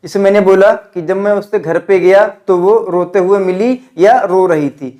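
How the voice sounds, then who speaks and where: A young man giving a video English lesson in Hindi, slowing down to say each English example sentence. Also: high voice, dark tone. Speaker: English teacher. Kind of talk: classroom-style video lesson.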